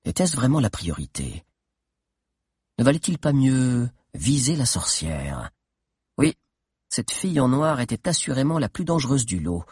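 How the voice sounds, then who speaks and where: A man reading a children's adventure novel aloud in a steady, dramatic narration with tense pauses. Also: on the low side, breathy edge, dry recording, clean studio sound. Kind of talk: audiobook narration.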